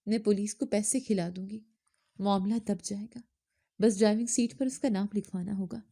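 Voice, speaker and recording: A cunning rich villainess who threatens one moment and coaxes the next, voiced by a woman narrator in a mellow, low-key tone on a dry, close recording. The delivery stays measured even when menacing. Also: dry recording, close to an everyday voice. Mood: threatening. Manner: threatening, coaxing.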